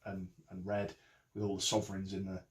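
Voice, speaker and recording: A man describes the scene as game master, matter-of-fact and unhurried. His voice sits on the low side. A faint hiss of background noise runs under the recording. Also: monotone. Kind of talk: narrating a tabletop game.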